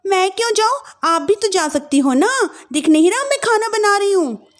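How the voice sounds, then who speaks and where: Casting: young defiant wife, acted by a female narrator, very high, lively swoops, quick to answer back in domestic story. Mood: indignant. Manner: indignant, sharp back-talk. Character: defiant, hot-tempered young daughter-in-law. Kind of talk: acted family-drama storytelling.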